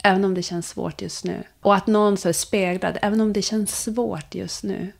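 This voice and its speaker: A young adult woman speaking softly and reflectively as a podcast guest, sometimes dropping to a hush. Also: medium pitch, steady tone, vocal fry. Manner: soft, searching, drifts into hushed whispers. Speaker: guest, vocal coach and therapist. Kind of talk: reflective conversation.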